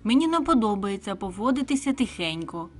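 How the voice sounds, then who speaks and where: A woman voicing a gang of noisy, playful young forest animals, a squirrel among them, who shout excitedly. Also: medium pitch, a little fast. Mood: boisterous.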